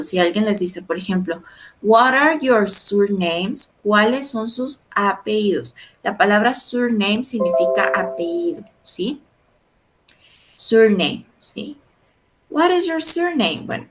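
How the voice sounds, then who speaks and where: A woman's voice: medium pitch, a bit bright. Patient woman teaching English. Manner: explanatory, frequent checks like "¿verdad?" and "¿sí?"; slows down to pronounce English phrases. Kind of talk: online class lecture.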